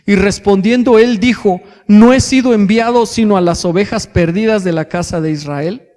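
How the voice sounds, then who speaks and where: A man with a Mexican accent preaching a sermon in a church, asking his congregation rhetorical questions and pausing on fillers as he goes. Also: high-pitched, a little mellow, long reverb tail. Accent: Mexican Spanish. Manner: addresses congregation as brothers, asks rhetorical questions; hesitant fillers and restarts. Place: church hall.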